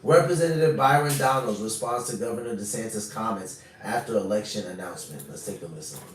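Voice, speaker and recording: A man's voice: fairly low pitch, brisk. A man hosting a casual reaction commentary, rambling and leaning heavily on "like" and "literally.". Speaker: reaction channel host. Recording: roomy echo, mic at a distance, faint noise.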